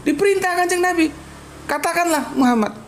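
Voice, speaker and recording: A man's voice: extremely high pitch, a little fast, a little hiss or hum. A man giving a casual religious lesson, emphatic and full of rhetorical questions and spoken examples. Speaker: Islamic teacher.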